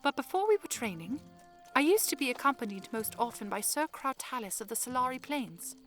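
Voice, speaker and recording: A woman's voice: high voice, big pitch swings, brisk, a bit bright. A woman playing a polite, earnest young princess with formal, articulate phrasing in a fan audio drama, music behind her. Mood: lightly playful.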